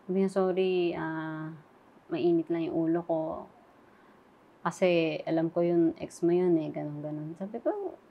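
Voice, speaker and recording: A young adult woman, an interview guest, softly recounting a painful relationship story and quoting past conversations. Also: lowish voice, measured pace, pauses often, highs cut off. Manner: soft, recounting quoted dialogue. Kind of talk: emotional personal interview.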